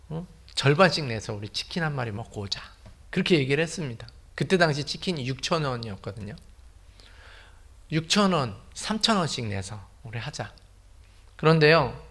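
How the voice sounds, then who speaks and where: A man preaching a Sunday sermon as a pastor, telling a personal story softly and then building to loud, emphatic declarations. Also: medium pitch.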